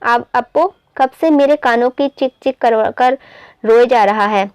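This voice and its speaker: A woman voicing a sharp-tongued young woman about to be married, teasing and whiny. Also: fairly high pitch, measured pace, clear, resonant tone, no echo, studio quality, close to an everyday voice. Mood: irritated. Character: cheeky young bride-to-be, teasing and dramatic.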